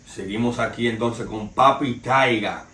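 Slightly slow, mid-range, pushed and bright, the voice belongs to a Dominican podcast host with a Dominican Spanish accent doing casual entertainment news commentary in loose street slang, addressing "señores". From a sofa in a small, echoey living room, he's picked up by a far camera with no mic visible, leaving roomy echo, distant sound and faint noise.

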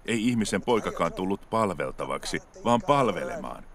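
A man voicing a calm grown male teacher and healer in dubbed film dialogue, speaking in an earnest, measured way. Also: deep voice, crowd noise. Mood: urgent. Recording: music playing clearly under the voice.

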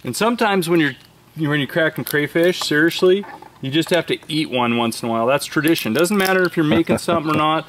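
Animated man showing how it's done. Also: fairly high pitch, a little hiss or hum. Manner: animated, explanatory, quick-talking. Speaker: host demonstrating crayfish shelling. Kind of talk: casual cooking demonstration.

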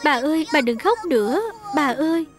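A kind little girl pleads softly and earnestly, read by a woman in a voice-over dub. The voice sits high and light. Her tone stays gentle from line to line. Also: normal speed, faint music behind, natural voice. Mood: pleading. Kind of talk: Vietnamese voice-over dubbing.

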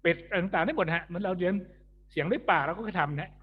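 Husky-voiced joking music teacher. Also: male voice, sits high, fast, dull audio. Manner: joking, chatty, laughs at own jokes. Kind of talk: recorded online lesson. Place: alone in an empty school building.

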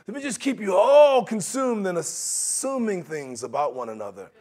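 A man's voice: sits high, big pitch swings, normal speed, a little mellow. A middle-aged man preaching a sermon in a large church sanctuary, talking in a conversational way and slipping into mocking voices for his examples.

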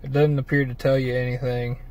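A man's voice: mid-range voice, flat delivery, a little fast, a little mellow. A man casually showing off a truck part he had installed, rambling in a folksy way with fillers, filming on a handheld phone from inside the truck and outside by a trailer. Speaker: vlogger reviewing truck accessories. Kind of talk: casual walkthrough vlog.

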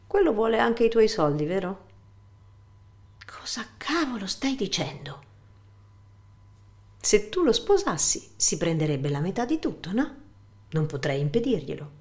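A woman's voice: medium pitch, big pitch swings, normal speed, pitched above the performer's own voice. A woman reading as a bitter, suspicious grown son. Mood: accusing. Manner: sharp, accusing questions.

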